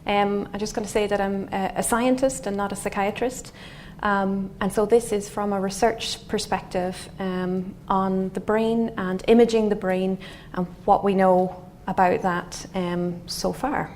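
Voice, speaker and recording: A middle-aged woman from Galway with a west of Ireland accent, a scientist giving an explanatory lecture in a thoughtful, halting, semi-conversational way. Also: mid-range voice. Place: indoor wood-panelled lecture room. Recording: faint steady room noise.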